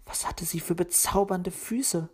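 Woman voicing a gentle, timid male elf. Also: lowish voice, measured pace, husky. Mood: soft. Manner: soft, pleading.

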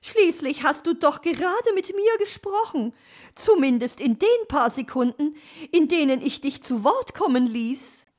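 A bossy, talkative magpie lady, as a woman reading aloud puts her on. Her voice sits high and loud and swoops widely as she teases and lectures at an unhurried pace. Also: big pitch swings. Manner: shrill, talkative, teasing. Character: chatty bossy female magpie neighbor.

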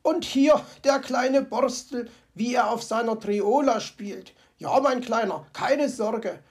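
A woman's voice: fairly high pitch, slow pace, darkish tone, pitched above the performer's own voice. A woman voicing a cheerful, fussy male fox from a children's storybook who chatters to himself with comic grumbling. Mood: delighted. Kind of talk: storybook character voice.

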